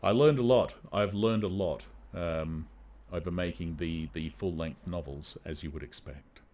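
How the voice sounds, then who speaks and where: A man's voice: low-pitched, normal speed, darkish tone, slight background noise. A man from Australia, an audiobook narrator, chatting casually and self-deprecatingly on a live stream.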